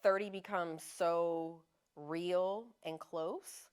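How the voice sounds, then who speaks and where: A woman in her thirties chats as a podcast guest, relaxed, frank and full of slang. Her voice sits a little low and comes through smooth and clear. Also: extremely slow. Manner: laid-back, slangy and frank, laughs often. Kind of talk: casual chat.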